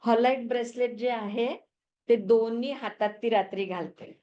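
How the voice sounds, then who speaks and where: A woman's voice: fairly high pitch, steady tone, normal speed, dull audio. Chatty woman teaching crystal healing. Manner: chatty storytelling, mixes English words. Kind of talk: lesson.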